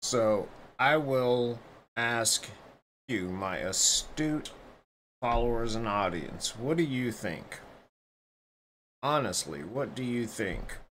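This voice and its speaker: A man's voice: mid-range voice, expressive, slow, pauses often, fairly bright tone, slight background noise, low-quality recording. A man hosting a reaction video, talking bluntly and rambling, with some profanity. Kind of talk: casual commentary.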